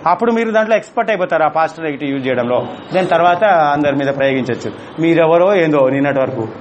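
Male spiritual teacher, high voice, playful and laughing, coaxes his class with constant questions, faint noise behind. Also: highs cut off. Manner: playful, laughing, keeps asking the audience questions.

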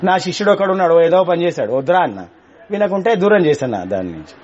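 A man's voice: a little high, sing-song, fast talker, darkish tone, muffled recording. A man teaching a class on spirituality, talking in a colloquial, teasing way and dropping English words into his speech.

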